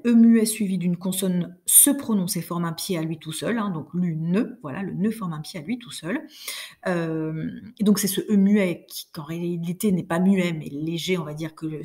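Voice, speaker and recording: A woman teacher explaining poetry to her class, reading lines of verse aloud slowly and patiently. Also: lowish voice, a little mellow. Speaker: French teacher. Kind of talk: recorded class lesson.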